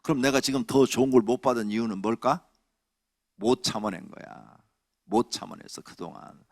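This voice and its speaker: A male pastor preaching a Friday night sermon in a church. He is emphatic, quizzes the congregation, and swings between loud exhorting and hushed asides. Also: medium pitch, normal speed, creaky, no echo, studio quality. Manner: asks the congregation questions. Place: church sanctuary.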